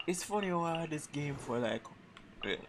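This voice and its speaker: With a slightly high voice, lively intonation and normal speed, a young man streams himself gaming and chats casually, rambling and slangy as he reasons out loud. The recording comes from a noisy livestream mic.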